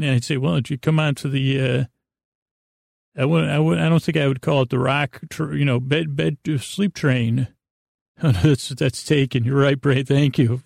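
A podcast host runs a bedtime show, meandering through a goofy, self-deprecating monologue full of halting, trailing sentences. His creaky voice is medium-pitched and a little mellow, recorded in studio quality with no echo.

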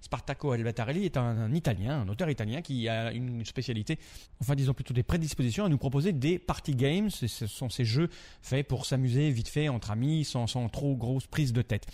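A man's voice: medium pitch, fairly quick, warm tone. A man presenting a weekly board game review segment, explaining the rules in a chatty, direct way to the host.

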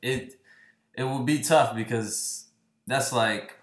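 A man in his late twenties co-hosting a podcast, talking casually in halting, self-correcting sentences. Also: mid-range voice, reverberant. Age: late 20s. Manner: halting, restarts often. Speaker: podcast co-host. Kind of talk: casual chat.

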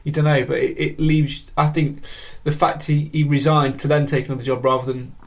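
A man hosting a football fan podcast, reading out viewer comments in a casual, halting way with many ums and restarts. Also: on the high side, level tone, gravelly.

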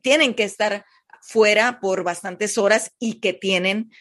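Woman host, relaxed and conversational, talks to listeners and co-hosts. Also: mid-range voice, a little slow. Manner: chatty, loose, with restarts and fillers. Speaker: podcast host. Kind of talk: casual podcast chat.

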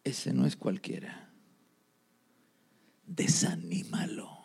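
A man voicing a scheming male devil who gives quiet, commanding orders. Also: sits low, sing-song, slow, creaky, husky, whispered, voice pushed down, exaggerated voice.

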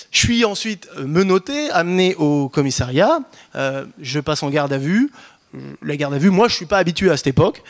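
A French storyteller in his thirties shares a personal anecdote with an audience, lively and self-mocking, often restarting his sentences and using slang. His voice is a little high.

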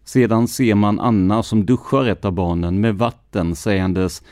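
A man hosting a true crime podcast, reading police records in a measured, scripted narration. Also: on the low side, steady tone, dark tone, dry recording, clean studio sound. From Sweden.

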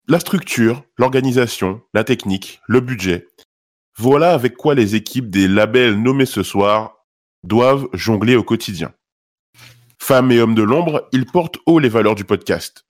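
A man presenting an award with a prepared humorous speech and casual asides. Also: mid-range voice.

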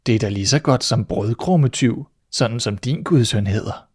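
A man's voice: mid-range voice, slightly rough, close to an everyday voice. A man doing a sly greedy storybook cat. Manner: smug and sly, turning sharp and threatening. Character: sly greedy male tomcat, smug and menacing.

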